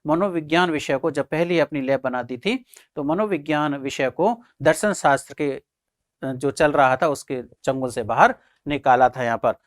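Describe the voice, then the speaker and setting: A man's voice: a little high, moderate pace, dry recording, clean studio sound. A male teacher giving an exam-prep lecture, who keeps posing questions and answering them himself, repeating the key points and calling his listeners friends and children.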